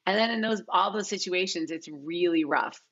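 A middle-aged American casting director, a guest on a podcast, chats in a casual, unscripted, rambling way over a video call, full of "like" and "you know." Her voice is fairly low and fairly bright with a breathy edge, at normal speed. She's in a bright living room at home wearing headphones, and the lo-fi video-call audio sounds slightly dull.

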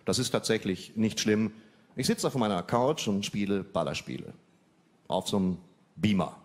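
A man in his forties telling stand-up comedy stories in a dry, deadpan manner. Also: on the low side, normal speed. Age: 40s.

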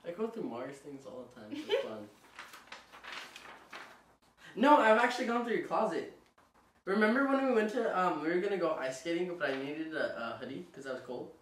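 Young guy chatting with his friend on camera, bright voice, sounds far off the mic in an echoey room. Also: high-pitched, very animated, normal speed, long pauses, a little hiss or hum. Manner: joking, teasing, laughs often. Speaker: vlogger host. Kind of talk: casual game chat with a friend. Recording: roomy and distant mic.

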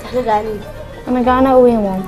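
A woman's voice: on the high side, fairly even intonation, rapid-fire, lightly acted. A woman playing a hungry little Egyptian girl. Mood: soft plaintive. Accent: Egyptian Arabic. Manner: soft, soothing, plaintive. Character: hungry little daughter, gentle and comforting. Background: background music.

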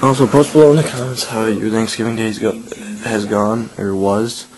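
A man's voice: on the low side, fairly even intonation, normal speed, background noise. Chatty upbeat man vlogging at home. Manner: chatty and upbeat, often addresses viewers as guys. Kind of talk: casual home vlog chat. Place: family home on a holiday.

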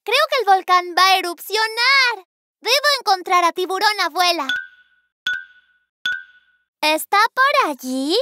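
A woman's voice: very high-pitched, lively intonation, unhurried, long pauses, noisy background. A woman voicing a sweet, curious little baby shark in a children's cartoon, with childlike exclamations and sing-song questions. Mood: curious, eager.

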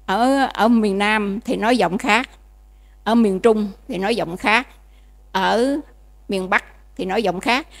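A nun, giving a dharma lecture in a conversational way and often checking that listeners follow. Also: female voice, fairly high pitch. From Vietnam. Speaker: Buddhist nun teaching.

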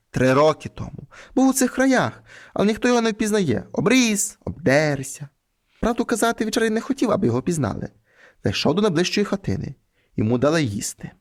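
A man reading a folk fairy tale aloud in an expressive storytelling manner. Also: high voice, quick pace.

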